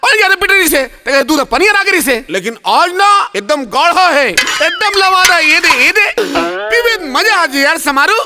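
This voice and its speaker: An actor playing a cheeky, loud-mouthed street tea seller who hawks in a sing-song, with a Chhattisgarhi accent. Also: male voice, very high voice, expressive, measured pace, full character voice. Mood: bantering. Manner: sing-song hawking, teasing.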